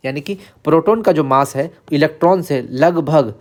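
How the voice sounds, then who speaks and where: A man's voice: a little high, moderate pace, a little mellow. A man teaching an exam-prep chemistry lesson, explaining step by step, repeating key numbers and asking and answering his own questions.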